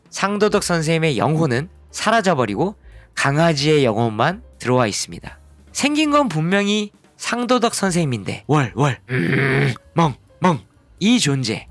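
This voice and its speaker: A man in his thirties teaches a middle school ethics lesson, acting out mock dialogues with big swings in pitch. His fairly high voice is recorded close and dry, with faint music underneath. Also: dry recording. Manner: animated, acts out mock dialogues, switches to casual speech. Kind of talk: lively online lecture to students.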